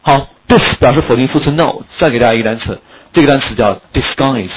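Fast-talking, joking male English teacher. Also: mid-range voice, husky, phone-quality sound. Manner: quick, joking, asks students questions often. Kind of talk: classroom lecture. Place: classroom.

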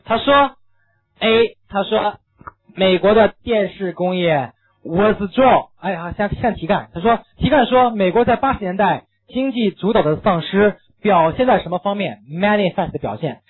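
A man lectures through an English reading passage, firing off rhetorical questions at his students. His voice sits high and husky. The recording is thin and tinny, like a phone line. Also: moderate pace. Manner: animated, asks many rhetorical questions, mixes in English phrases. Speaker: English teacher.

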